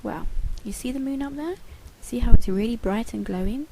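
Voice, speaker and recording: A woman's voice: fairly high pitch, moderate pace, creaky, background noise, pitched above the performer's own voice. A woman voicing a sly, teasing female cat who talks matter-of-factly, in a storybook reading. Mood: mysterious.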